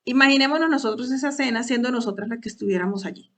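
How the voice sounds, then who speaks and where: A woman leads a Bible study talk for a group of women, in a voice pitched a little above the usual. She often stumbles and repeats words as she goes. She keeps checking in with short rhetorical questions. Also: very fast, fairly bright tone.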